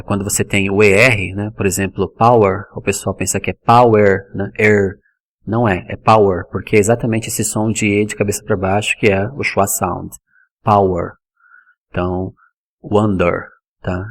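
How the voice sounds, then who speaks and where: A man from Brazil teaching English pronunciation in a video lesson, explaining patiently and repeating each word slowly so it can be copied. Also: on the low side.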